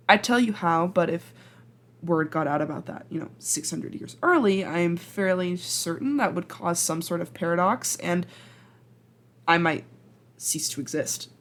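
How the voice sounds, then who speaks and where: A woman plays a flustered, awkward, chatty time traveler from the future in an ASMR roleplay, halting and rambling as she addresses the listener. Her voice sits on the low side, and she sounds proud as she explains things.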